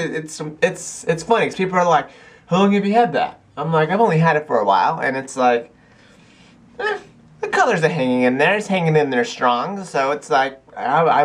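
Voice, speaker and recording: A man's voice: on the high side, fairly bright tone. A young man chatting casually to camera in a video blog at home, rambling with lots of fillers and restarts. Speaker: vlogger. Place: cold house.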